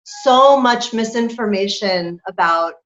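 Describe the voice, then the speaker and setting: A woman's voice: mid-range voice, takes it slowly. Candid woman, dull lo-fi sound. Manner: candid, animated, laughs through her points. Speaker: lactation consultant, guest. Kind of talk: conversational interview.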